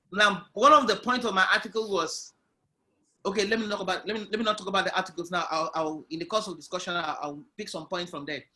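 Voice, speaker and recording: A man appearing as a guest entrepreneur shares his journey in an online interview conducted by video call. He has a bright, high voice and narrates with loud, animated energy.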